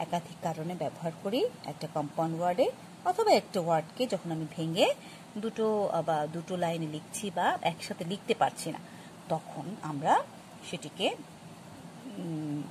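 A woman teaches a grammar lesson in a somewhat low voice. She explains patiently, stopping and restarting often. Faint noise sits behind her. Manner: explains slowly with many fillers and restarts; patient, addresses students directly. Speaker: English teacher.

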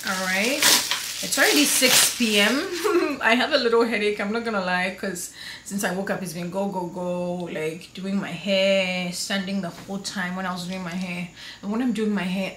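In a casual vlog shot at arm's length in her bedroom and home office, a young woman in her twenties chats happily with viewers. Her voice is mid-range and fairly bright, though the audio is poor and roomy. An air conditioner hums in the background.

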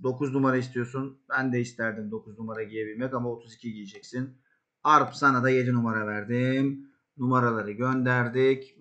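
Male game host, football commentary, excitable, bright voice. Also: medium pitch, lo-fi sound. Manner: excitable, yells at players, then calm asides.

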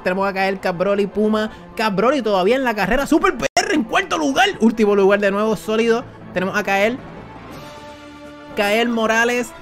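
Streamer man, high voice, excitable play-by-play, faint music behind. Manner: excitable, rapid play-by-play calling. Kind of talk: live game commentary to chat.

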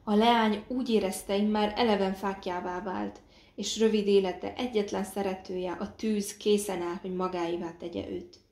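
A woman narrating an audiobook in a measured, dramatic reading. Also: medium pitch, steady tone, darkish tone. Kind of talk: scripted narration. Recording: roomy echo.

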